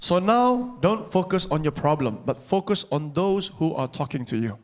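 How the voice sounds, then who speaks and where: A man interpreting a sermon line by line at a church service, giving quick literal renderings with loose grammar. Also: on the high side, animated.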